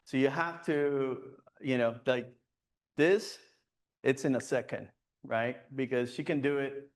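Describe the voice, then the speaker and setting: A guest speaker at a photography club meeting, this man talks in an unhurried, mid-range voice with fairly even intonation. His presentation in the meeting room includes audience questions, and his phrasing is loose, with many fillers and restarts.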